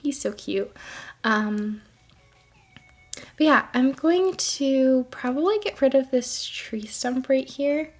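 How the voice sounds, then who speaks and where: Woman, high voice, congested throat, chatty gameplay commentary, gushes over cute details. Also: animated, slow pace, soft background music. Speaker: gaming video creator.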